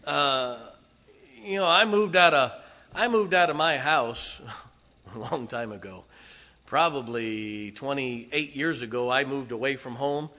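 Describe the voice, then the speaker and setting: A forty-something pastor preaching with a bright, forceful voice. He presses rhetorical questions on the congregation and swings from loud bursts to quiet asides. His sermon rings with long reverb through a church sanctuary. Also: medium pitch. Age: 40s.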